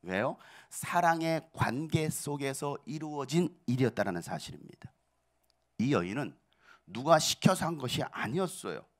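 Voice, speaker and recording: A man's voice: mid-range voice, animated, moderate pace. A middle-aged male pastor preaching a sermon, asking the congregation rhetorical questions and driving his points home with building emphasis.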